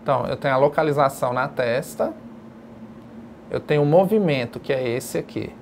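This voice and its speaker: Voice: medium pitch, brisk, a little mellow, slight background noise. A sign language teacher giving a recorded distance-learning lecture, explaining patiently and step by step while demonstrating signs. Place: educational video studio.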